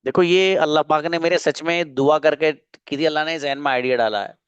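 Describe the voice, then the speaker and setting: A man's voice: a little high, fairly quick, clean tone, no room sound, lo-fi sound. Earnest male online teacher, coaxing and repetitive, close and dry. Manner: coaxing, earnest, repeats himself. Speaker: English teacher. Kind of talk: online spoken English class.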